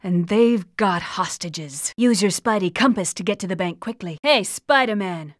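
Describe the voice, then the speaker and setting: An actress with an American accent playing an agile, confident cat burglar from a video game, urgent, familiar and theatrical in manner. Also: female voice, mid-range voice, lively intonation, normal speed, no room sound, studio quality, close to an everyday voice. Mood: urgent, helpful. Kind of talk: acted video game character lines.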